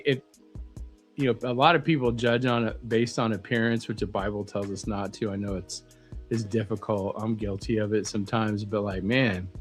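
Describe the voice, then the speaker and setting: Give me a man rambling through animated stories on a casual livestream, faint music underneath. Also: lowish voice. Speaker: co-host.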